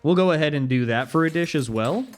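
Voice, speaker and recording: With faint music behind him, a young man streams a game in an animated, fairly high voice at a quick pace. He chats casually with his audience, reads their messages aloud and laughs easily.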